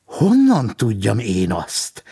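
A man's voice: lowish voice, huge pitch swings, warm tone, slightly rough, heavily acted. A man voicing a whining, pleading driver who feigns innocence before a traffic cop. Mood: indignant. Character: whiny, wheedling man caught by a traffic cop.

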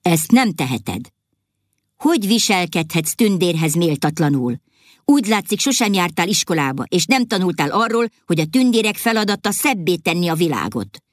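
A woman's voice: on the low side, sing-song, no echo. Woman doing a cross storybook king, bossy, lays down the law, dry close sound. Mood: indignant. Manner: scolding, commanding. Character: stern indignant fairy-tale king, male, middle-aged.

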